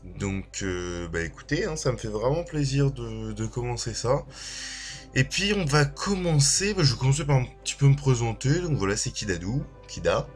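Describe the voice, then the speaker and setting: A man's voice: mid-range voice, animated, moderate pace. Lisping man commentating on games. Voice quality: slight lisp, slushy s. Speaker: gaming video creator and streamer. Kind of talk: casual gameplay commentary. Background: music.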